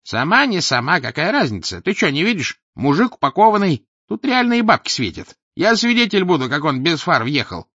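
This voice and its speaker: A man's voice: a little high, very animated, brisk, few pauses, no echo, voice pushed up, heavily acted. A man voicing a scrawny, scheming petty man with a cracked tenor voice in an audiobook. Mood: pushy. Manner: pushy, sneering, shouting from a crowd. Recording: dull lo-fi recording.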